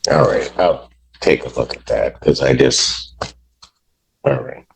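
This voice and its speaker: A man serving as a judge, speaking from the bench in a courtroom recording, halting and restarting his sentences as he grows exasperated. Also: extremely low pitch, big pitch swings, creaky, background noise.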